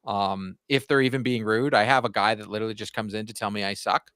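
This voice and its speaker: Low-voiced rambling man in his forties. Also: fairly even intonation, fast, fairly bright tone, clean tone, no echo, studio quality. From Canada. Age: 40s. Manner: chatty, rambling, lots of fillers. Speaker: hockey YouTuber guest. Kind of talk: casual podcast chat.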